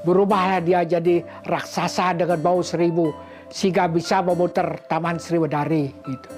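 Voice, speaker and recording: An older man from Bali, telling a personal story in an interview and acting out the voices and counts of others. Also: high-pitched. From Bali, Indonesia.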